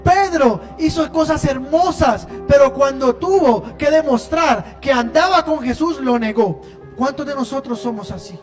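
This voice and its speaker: High-voiced preacher. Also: male voice, unhurried, over music. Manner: impassioned, swings between loud emphasis and hushed lines. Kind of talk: sermon. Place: church service.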